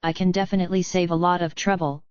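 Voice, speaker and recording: A woman voicing a calm, powerful male demon master who speaks in an unruffled, gently commanding way, in a dry, slightly dull recording. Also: lowish voice, quick pace, clean tone, dry recording, lightly acted.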